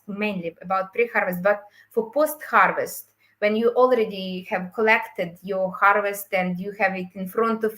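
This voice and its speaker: In this webinar, a female course creator talks with a medium-pitched, fairly bright voice. Her mother tongues are Ukrainian and Russian, and she tends to stumble, leaning on fillers and restarting her phrases.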